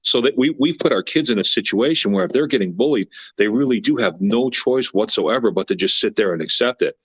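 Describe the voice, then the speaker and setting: A man's voice: fairly low pitch, lively intonation, brisk, breathy edge, no room sound, lo-fi sound. A man in his twenties calling in to a podcast, speaking bluntly and emphatically in casual chat. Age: 20s. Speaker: caller.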